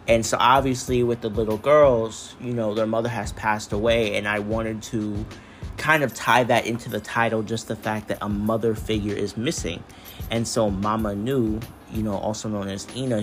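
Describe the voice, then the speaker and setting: A man hosting a story podcast, moving between scripted narration and casual talk as the author. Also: on the low side.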